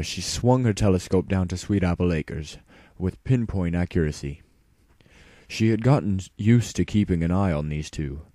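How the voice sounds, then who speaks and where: In a low, dark voice with no room sound, a man reads a fan fiction story aloud as a dramatic narrator, mimicking an audiobook reader in scripted form.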